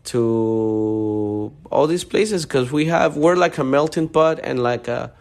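A man's voice: mid-range voice, slow pace, a little mellow. A man from Honduras hosting a casual podcast chat, friendly and rambling with many fillers. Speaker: podcast host. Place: Miami.

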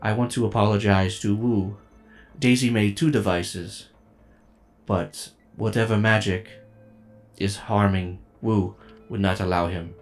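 A robotic, synthesized woman's voice from a small speech device, performed by a man running a tabletop game. It comes out slow, flat and measured, sitting fairly low. Faint music plays in the background. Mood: apologetic. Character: woman speaking through a robotic voice box. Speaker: game master.

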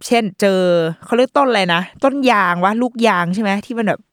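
A woman hosting a parenting podcast in a chatty, playful way, full of fillers and quick asides. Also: a little high, fairly bright tone, no echo, studio quality. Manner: chatty and playful, with lots of fillers and mock quoted voices. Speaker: podcast host. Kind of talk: casual parenting chat.

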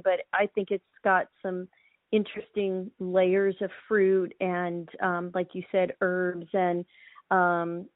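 A woman's voice: fairly low pitch, no room sound. A middle-aged woman from Hawaii talks casually as a winemaker guest, loose and full of ums and restarts. Her voice comes through a thin, phone-like line that sounds dry and close, with no room around it. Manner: relaxed, many ums and restarts. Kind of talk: casual interview chat.

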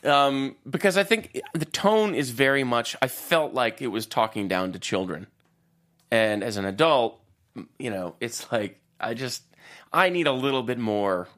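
Young man in casual movie talk, mid-pitch voice, animated and giggly, quick asides and tangents throughout. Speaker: podcast co-host. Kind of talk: casual movie review chat.

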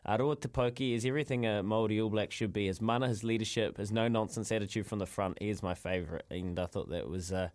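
A man's voice: on the low side, fast, hardly any pauses, a little mellow. A man with a New Zealand accent hosting conversational sports talk on the radio. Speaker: radio host.

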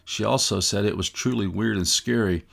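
Man, deep pitch, creaky voice, casual show host, conversational, musing commentary. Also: normal speed, fairly bright tone. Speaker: host of a UFO news show. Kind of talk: casual commentary, reading out articles.

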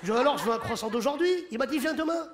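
A stand-up comedian, a man, performs an animated, joking routine on a theater stage and puts on voices for the people in his stories. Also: very high-pitched, racing, a faint crowd, a little hiss or hum. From Morocco. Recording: live show in a hall, audience laughter. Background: audience laughing and cheering.

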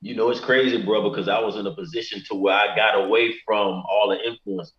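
A man with a lowish voice shares his own story in casual, candid slang. The sound is muffled, with a clear room echo around him. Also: fairly even intonation, a little fast. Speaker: interview guest. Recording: echoey room, muffled audio.

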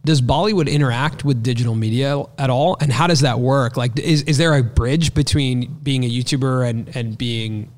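A man's voice: mid-range voice, moderate pace, hardly any pauses. Male podcast host, American accent, mid-range voice, conversational interview style, long room reverb. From United States.

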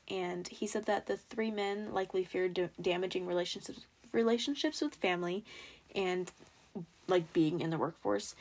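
A young American woman hosting a true crime podcast alone in a casual, self-deprecating way, with some trouble pronouncing her R sounds. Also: mid-range voice. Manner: informal, self-deprecating asides. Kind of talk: casual solo podcast storytelling from notes.

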